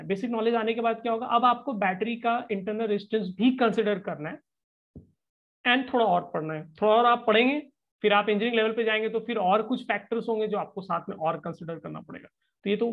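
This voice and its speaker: A physics teacher giving a live online class, explaining in a relaxed conversational way and often checking in with the students. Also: medium pitch, dull audio.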